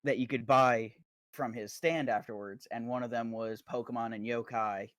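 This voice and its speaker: A man's voice: medium pitch, fairly even intonation, normal speed, fairly bright tone, no echo, clean studio sound. A young man co-hosting a podcast, rambling through stories with crude humor. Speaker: podcast co-host. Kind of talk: casual chat.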